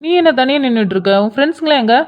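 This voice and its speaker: A woman's voice: high voice, expressive, very fast, voice pushed down. A woman voicing a playful young male college senior who teases. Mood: teasing. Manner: playful, teasing. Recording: dull lo-fi sound.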